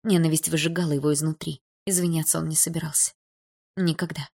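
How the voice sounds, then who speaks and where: A woman narrating a dramatic audiobook in a steady, subdued storytelling manner. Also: low voice, fast, creaky.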